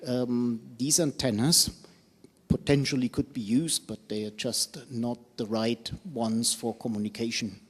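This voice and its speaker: A man's voice: mid-range voice, steady tone, a little slow, breathy edge. Male panelist explaining, hall reverb. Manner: explanatory, hesitant with fillers. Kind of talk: technical panel discussion.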